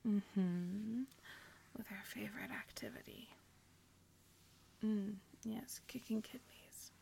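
A young woman in an intimate, whispered roleplay, speaking softly with gentle hums between lines. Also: mid-range voice, takes it slowly, creaky, slight background noise. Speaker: roleplaying a pregnant wife.

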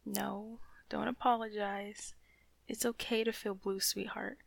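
A woman in an ASMR comfort roleplay, speaking softly and soothingly to a loving partner, often slipping into whispers close to the mic. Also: medium pitch, level tone, a little slow, creaky.

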